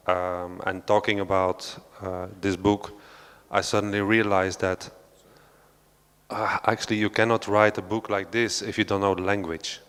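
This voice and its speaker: A deep, fairly bright, clear and resonant male voice belongs to a Belgian researcher on a panel in an art centre's large, reverberant hall. His unscripted talk is hesitant, with many fillers, restarts and non-native phrasing.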